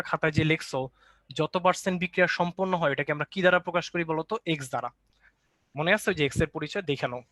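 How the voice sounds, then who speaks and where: A man's voice: on the high side, a bit bright, no echo. A young man with a Bangladeshi Bengali accent teaching chemistry in a live online lecture, chatty and repeating his points, slipping English terms into his speech. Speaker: chemistry tutor.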